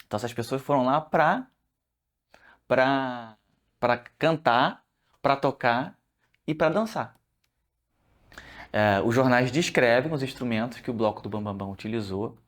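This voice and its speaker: Brief: male researcher, mid-pitched, explanatory documentary talk, restarts often. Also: measured pace, pauses often.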